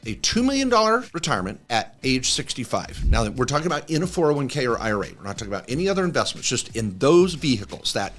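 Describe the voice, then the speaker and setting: A man's voice: medium pitch, very animated, fast, few pauses, a bit bright. A man co-hosting a casual financial chat, walking through numbers step by step in an upbeat way. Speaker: co-host.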